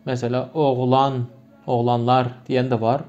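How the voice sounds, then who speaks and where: A man's voice: medium pitch, little pitch movement, unhurried, darkish tone. A man from Turkmenistan with a Turkmen accent, a native Turkmen speaker, patiently explaining grammar with many repeated examples in a lesson. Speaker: language teacher. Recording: muffled lo-fi recording.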